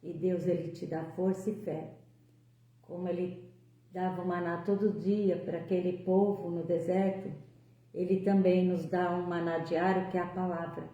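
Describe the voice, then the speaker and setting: Echoey, mellow-voiced woman in her sixties. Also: fairly low pitch, little pitch movement, normal speed, muffled recording. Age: 60s. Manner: emotional, fervent, rising on praise. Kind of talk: devotional talk and prayer. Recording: very echoey room.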